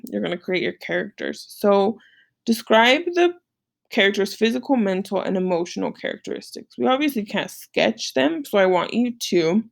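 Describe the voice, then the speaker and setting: Speaking at a medium pitch with vocal fry, this woman teaches informally over a screen share. She goes through an assignment's slides in a conversational way, frequently tossing in short tag questions to check on her students.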